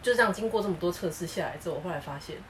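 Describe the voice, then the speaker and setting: A woman co-hosting a relaxed podcast chat talks quickly and tells animated stories, putting on the voices of the people in them. She sits a little back from the mic, with a faint hiss underneath. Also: lowish voice, far from the mic, rough recording. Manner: animated storytelling, acting out quoted lines. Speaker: podcast co-host. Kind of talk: casual chat.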